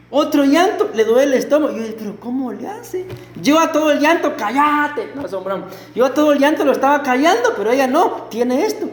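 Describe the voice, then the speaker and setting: A middle-aged man preaching a sermon as pastor, animated and full of rhetorical questions to the congregation. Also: extremely high pitch, slight background noise. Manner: acts out quoted voices and a stutter. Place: church sanctuary. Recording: echoey church hall.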